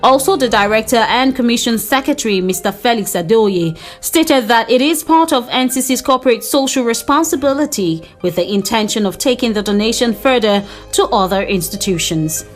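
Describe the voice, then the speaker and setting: A woman presenting a news programme in a measured, formal style. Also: fairly high pitch, soft background music. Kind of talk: scripted broadcast narration.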